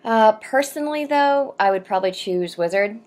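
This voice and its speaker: Speaking at an ordinary middle pitch, a young adult woman sounds animated and a little mellow as she talks casually to camera, answering viewer questions. She's chatty and rambling, full of ums and side comments, but slows to a careful, deliberate pace when reading poetry aloud.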